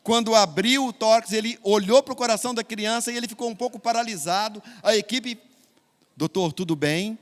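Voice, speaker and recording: Brazilian preacher, high bright voice, dramatic storytelling, long church reverb. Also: male voice, steady tone, brisk, few pauses. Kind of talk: storytelling sermon. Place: church sanctuary.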